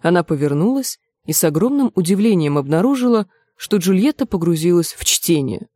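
A woman narrating an audiobook in an even storytelling manner. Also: fairly low pitch, brisk, no echo, studio quality. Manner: even storytelling, acts out the dialogue. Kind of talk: scripted narration.

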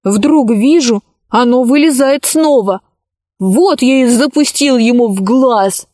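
A woman reading a children's story aloud, voicing an impulsive boy who talks eagerly and shouts. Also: a little high, takes it slowly, no room sound, studio quality.

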